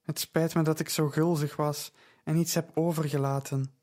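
A man voicing a humble, grateful young homeless girl who speaks softly and apologetically in an audiobook. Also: on the high side, level tone, normal speed, close to an everyday voice. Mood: timid grateful. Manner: soft, timid and apologetic.

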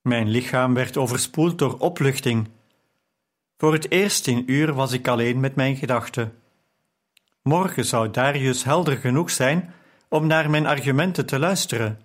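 A man reading a novel chapter aloud as an audiobook narrator, in an even, measured storytelling manner. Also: mid-range voice. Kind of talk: scripted narration.

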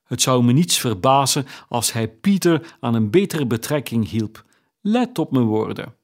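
A man voicing a kindly, humble middle-aged clerk and father, speaking earnestly in a slow audiobook reading. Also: medium pitch, expressive. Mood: earnest, fatherly.

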